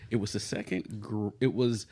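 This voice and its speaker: A man's voice: fairly low pitch, steady tone, normal speed, dark tone, slightly rough. A man in his forties hosting a casual podcast chat with his wife, easygoing and laughing often. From Florida, US. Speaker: podcast host.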